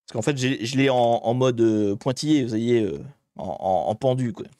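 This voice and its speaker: A man streaming live, chatting with his viewers as he hunts through online maps and grumbles at the software. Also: mid-range voice, moderate pace, clean tone, dry recording. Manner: chatty, talks to chat while searching maps, mildly exasperated. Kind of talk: live-streamed geography puzzle commentary.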